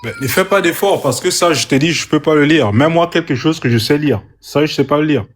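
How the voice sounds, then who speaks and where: A man's voice: fairly high pitch, brisk. A man in a religious debate, defensive and frustrated. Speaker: debate participant.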